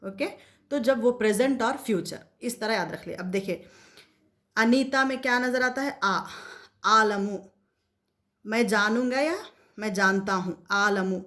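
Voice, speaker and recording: A woman's voice: mid-range voice, unhurried, long pauses, a bit bright. A woman teaching Arabic grammar, repeating each point and asking rhetorical questions. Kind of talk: explanatory lesson.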